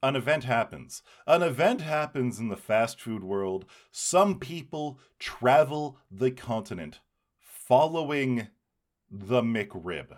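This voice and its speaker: Male podcast host, mid-pitched and expressive, playful mock-grand phrasing, conversational. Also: slow. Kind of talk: casual podcast chat.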